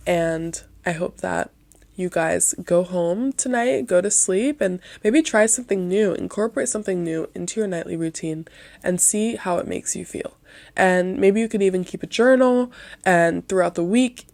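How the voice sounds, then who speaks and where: A young woman with a cold, hosting a solo podcast in a nasal, softened voice, talking in an encouraging, rambling way with many "you know"s. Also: on the low side, creaky, dry recording. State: sick, nasal voice. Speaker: podcast host.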